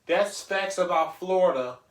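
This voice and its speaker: A man's voice: sits high, measured pace. A man giving slangy, casual reaction commentary and acting out imagined exchanges. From Louisiana, US. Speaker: reaction video host. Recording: echoey room.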